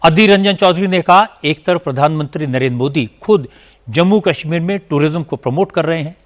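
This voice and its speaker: Male news anchor, slightly high voice, emphatic reporting. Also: brisk. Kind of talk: news narration.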